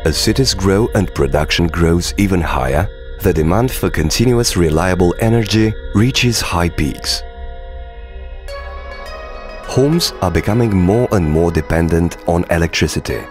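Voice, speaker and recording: A man giving scripted documentary narration in an even, explanatory delivery, recorded as a studio voice-over. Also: deep voice, a little slow, faint music behind.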